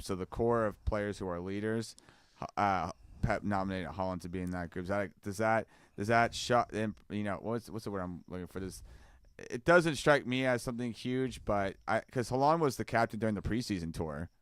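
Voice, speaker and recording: A man's voice: lowish voice, normal speed, smooth, no echo, clean studio sound. A man hosting a casual football podcast, rambling loosely with restarts and asking "you know what I mean?". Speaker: podcast host.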